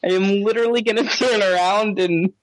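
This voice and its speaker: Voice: mid-range voice, steady tone, fairly quick, a little hiss or hum, poor audio. A player in a tabletop role-playing game who laughs often and describes their character's actions playfully. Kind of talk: casual tabletop play.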